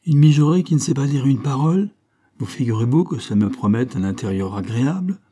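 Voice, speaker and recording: A man's voice: on the low side, a little fast, mellow, husky. A man voicing a stout, sullen middle-aged businessman who grumbles, in an audiobook reading. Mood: grumpy.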